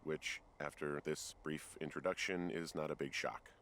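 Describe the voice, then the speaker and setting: A man's voice: very deep voice, fairly even intonation, unhurried, a bit bright. An actor playing a weary, curt man who has just arrived at a remote fire lookout, talking over a radio handset. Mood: grumpy. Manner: dry, curt. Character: tired, grumpy adult man, new fire lookout.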